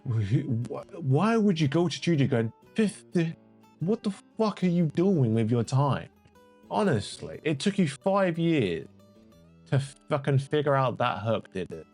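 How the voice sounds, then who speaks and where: Slow-talking blunt, swearing man. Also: mid-range voice, very animated, darkish tone. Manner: blunt, heavy swearing, exasperated outbursts. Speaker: music reviewer. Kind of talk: reaction and review. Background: faint music playing.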